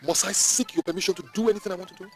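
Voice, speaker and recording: A poised Nigerian man back from abroad, calm but defiant, answering an elder with quick, polished speech. Faint music runs under his lines on the film soundtrack. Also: sits high. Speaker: Obinna, a returned suitor. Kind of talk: Nollywood film acting.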